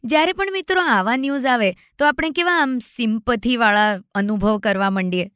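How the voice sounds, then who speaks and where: A woman's voice: fairly high pitch, normal speed, a bit bright, clear, resonant tone, no echo, clean studio sound. A woman in her thirties hosting a finance podcast, telling a story in a chatty way and acting out the lines of a friend. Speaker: podcast host.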